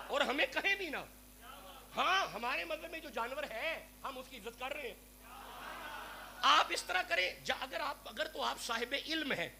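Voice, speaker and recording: Heard on a noisy live recording with a hum, a Sufi preacher from Pakistan addresses a gathering in a devotional sermon. His voice is extremely high-pitched and gravelly, Punjabi-accented, fervent and pleading toward his listeners.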